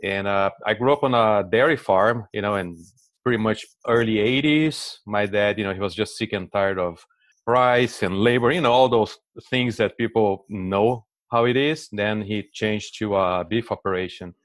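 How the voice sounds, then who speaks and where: A Brazilian man in his forties, with a lowish voice and a Brazilian Portuguese accent, appears as a guest expert in a casual interview. He explains things at a moderate pace, full of fillers and restarts, and the recording has no echo.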